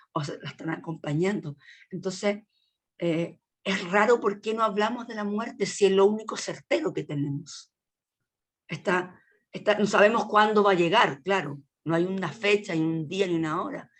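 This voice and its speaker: A woman with a Chilean accent speaking in a casual group discussion, frank and colloquial, often restarting her sentences. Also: mid-range voice. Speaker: colloquium participant.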